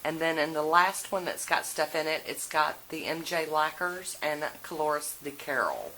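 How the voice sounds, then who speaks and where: A woman's voice: sits low, lively intonation, normal speed, pushed and bright. A woman giving a casual, informal video tour in a folksy way, recorded indoors at home on a handheld camera. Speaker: vlogger showing a nail polish collection. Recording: noisy home recording with clicks.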